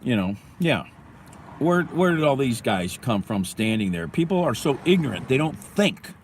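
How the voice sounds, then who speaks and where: A man's voice: medium pitch, very animated, normal speed, slight background noise. A man hosting a livestream from his car, reacting with profane, rambling, angry commentary. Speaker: livestream host.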